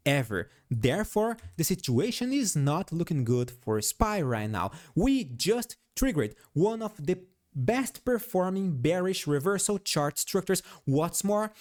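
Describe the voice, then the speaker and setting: A stock market analyst with a high, slightly mellow voice gives technical analysis commentary over charts. English is not his first language, and he has a noticeable foreign accent. He speaks emphatically, repeats phrases, and keeps checking in with viewers by asking "all right?"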